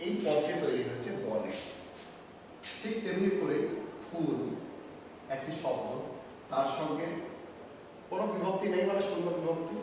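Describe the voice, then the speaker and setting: A male teacher giving a slow, measured grammar lesson with pauses between words, recorded in an office room. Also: fairly high pitch, noisy background. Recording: echoey room from far off.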